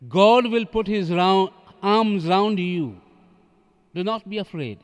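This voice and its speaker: A man, a priest reading the gospel and preaching in a measured, solemn way, his voice echoing through a large basilica. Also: sits high, clear, resonant tone. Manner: slow, measured, solemn delivery. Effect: cathedral echo. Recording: long reverb from the church hall.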